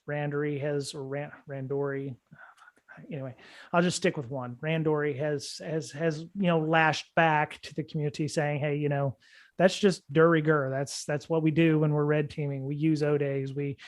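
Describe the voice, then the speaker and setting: Rambling, higher-voiced male podcast host. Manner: rambling, many fillers and restarts. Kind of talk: casual security podcast chat.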